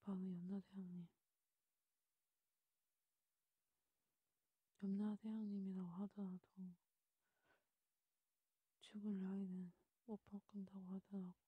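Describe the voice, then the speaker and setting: A woman voicing a calm, reassuring Grim Reaper who guides a soul, in a breathy whispered role-play. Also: medium pitch, dry recording. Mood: solemn, matter-of-fact. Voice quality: breathy, unvoiced. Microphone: close mic, dry.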